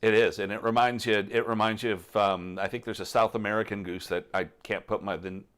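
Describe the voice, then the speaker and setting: A middle-aged man with a fairly low voice co-hosts a casual live stream about birds. He explains in a relaxed, rambling way, often restarting his sentences. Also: a little fast. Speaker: co-host answering bird questions.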